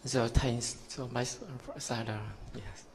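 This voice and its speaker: A man from Vietnam, a course participant, giving halting thanks in broken phrasing. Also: mid-range voice, steady tone, slight background noise.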